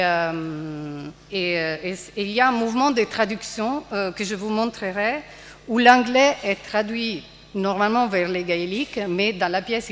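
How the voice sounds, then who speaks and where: A woman giving a university lecture, speaking hesitantly and filling pauses with frequent hums. Her mid-pitched voice rings out with a long reverb from a lecture hall. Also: fairly bright tone. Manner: hesitant, many fillers, reads out quotes.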